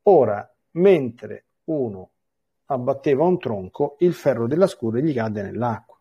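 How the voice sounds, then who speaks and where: A man, a priest, giving a biblical catechesis, reading scripture passages and commenting in a lively way, often repeating words as he restarts phrases. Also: medium pitch, measured pace, breathy edge, highs cut off.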